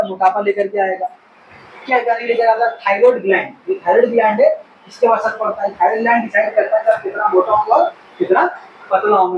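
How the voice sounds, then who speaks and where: Male speaker with a strikingly high voice, chatty lecturer style, recorded in a reverberant room with faint background hum. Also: lo-fi sound. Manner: rambling, conversational, asks and answers own questions. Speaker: speaker explaining a health topic. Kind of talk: informal explanatory talk. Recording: echoey room with faint ambient noise.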